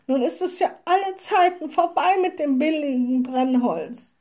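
Tearful, complaining old wood-gathering women from a storybook, as a woman reader puts them on. They wail in raised, high voices, with a mellow, soft tone. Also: unhurried. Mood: tearful upset.

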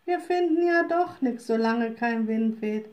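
A woman's voice: on the high side, animated, measured pace, darkish tone. A woman voicing poor, worried old wood-gathering women in a storybook, speaking plaintively. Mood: resigned.

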